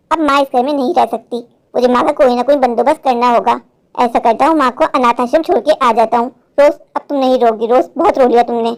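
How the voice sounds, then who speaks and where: A woman's voice: sits high, natural voice. A woman voicing a young husband caught between his mother and wife in a cartoon, speaking in a pleading, resentful way. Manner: pleading, then firm and resentful. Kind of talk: animated Hindi cartoon voice acting.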